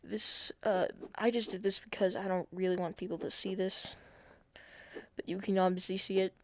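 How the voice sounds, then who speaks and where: A man's voice: high-pitched, level tone, moderate pace. A man talking through a casual screen-recorded game tutorial, hesitant and self-deprecating, with many fillers and restarts.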